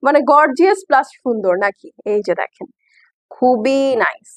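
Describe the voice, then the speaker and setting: High-voiced chatty Bangladeshi woman seller. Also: animated, moderate pace, dry recording. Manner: chatty, coaxing, mixes in English phrases. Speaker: online clothing seller. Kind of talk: live sales stream.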